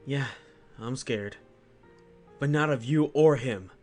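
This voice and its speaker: Team leader, male actor: medium-pitched, earnest, rallying, amateur drama read with faint music. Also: takes it slowly, a little mellow, natural voice. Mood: earnest resolve. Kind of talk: amateur animated drama acting.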